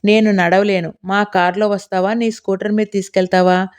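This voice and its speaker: A woman's voice: mid-range voice, little pitch movement, normal speed, clear, resonant tone, close to an everyday voice. A teasing young woman, read by a woman narrator. She talks in a playful, mischievous way. This is a storybook reading in an ordinary woman's voice. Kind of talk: audiobook character reading.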